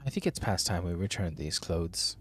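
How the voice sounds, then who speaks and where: A man voicing a courteous, gentle scholar from a fantasy game, formal and measured with archaic wording. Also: sits low, lively intonation, soft background music, voice pushed down. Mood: apologetic, courtly. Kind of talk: character voice reading game dialogue.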